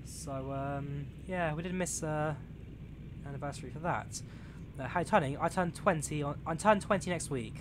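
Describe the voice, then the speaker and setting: A young Englishman turning 20 chats casually with his live-stream viewers while playing a train simulator, rambling and reading chat aloud with plenty of fillers. His voice is on the high side at normal speed, and the game's engine and rail sounds are clearly audible behind him.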